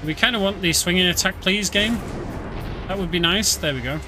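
A speedrunner streaming his game keeps up brisk, informal commentary in a voice that sits high, explaining what he's doing as he plays. Video game music and the noise of vehicles run underneath.

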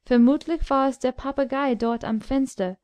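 A woman voicing a calm male courtier in an audiobook, matter-of-fact. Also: high voice, normal speed, clean tone, no room sound, close to an everyday voice. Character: calm courtier at royal table, man.

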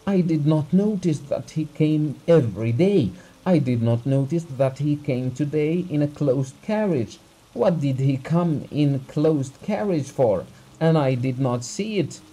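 A man's voice: fairly high pitch, animated, unhurried, hardly any pauses, warm tone, husky, voice pushed up, exaggerated voice, poor audio. A man doing a tearful betrayed nobleman. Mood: distraught. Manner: raised, pleading, emotional.

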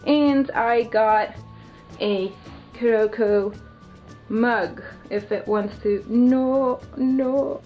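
A woman with a Dutch accent chatting casually and informally as a vlogger, in a rambling, giggly way, filming indoors on a handheld camera. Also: mid-range voice. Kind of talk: casual chat, showing a haul. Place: small bedroom, indoors. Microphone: handheld camera's built-in mic. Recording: muffled lo-fi handheld camera sound.

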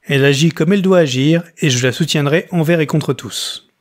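A man voicing a calm, curt middle-aged army major. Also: on the high side, brisk, close to an everyday voice. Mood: resolute.

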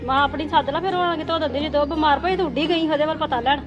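A woman playing a jealous, nagging mother-in-law in a Punjabi village drama, taunting and quick. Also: high voice, lo-fi sound, over music, lightly acted. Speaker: actor in family drama.

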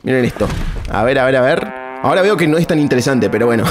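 Seated at his streaming desk indoors, a man with an Argentine accent reacts live to a video, exclaiming in slang and repeating his phrases. His mid-range voice is expressive and fast, caught by a close boom-arm desk mic while cartoon music plays behind him.

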